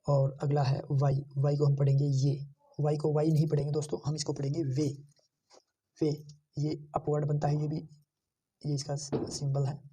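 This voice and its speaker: A man teaching shorthand, slowly repeating each sound and pointing out how every stroke is drawn. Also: a little high, monotone, warm tone, slightly rough, far from the mic. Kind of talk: screen-share lesson.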